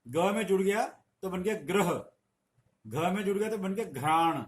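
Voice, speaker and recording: A man's voice: high-pitched, animated, moderate pace. A middle-aged man teaching a spelling lesson, patient, explaining with little stories and examples. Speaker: Hindi language teacher.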